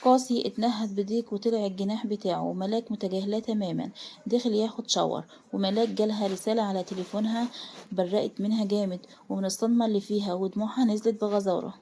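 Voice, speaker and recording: Fast-talking Egyptian woman storyteller. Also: mid-range voice, steady tone, mellow, slight background noise. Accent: Egyptian Arabic. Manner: chatty, quick retelling with asides to listeners. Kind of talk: casual storytelling narration.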